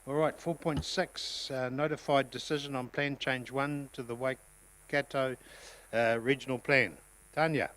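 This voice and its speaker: A man who chairs a local council meeting as mayor. He has a New Zealand accent, talks in a relaxed way with many ums, and speaks up when he calls the votes. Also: medium pitch, unhurried, few pauses, rough recording.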